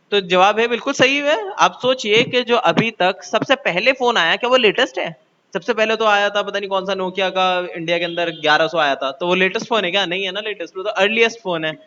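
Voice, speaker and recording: A high, bright-voiced man with an Indian accent forcefully walks a class through English grammar in Hindi. He breaks things down step by step, quizzes the students, and slowly reads out English rules, all captured in lo-fi sound.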